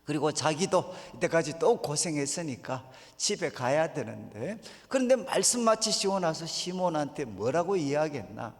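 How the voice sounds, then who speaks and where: A man's voice: fairly high pitch, very animated, normal speed, few pauses, long reverb tail. A man preaching at a revival meeting, putting questions to the congregation as he goes. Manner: addresses the congregation with rhetorical questions. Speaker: pastor. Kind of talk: revival sermon. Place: church sanctuary.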